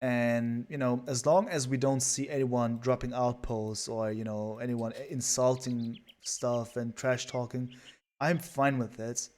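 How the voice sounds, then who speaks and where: A man's voice: mid-range voice, flat delivery, measured pace, darkish tone. A man casting a strategy game live, chatty and rambling with lots of fillers. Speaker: esports caster.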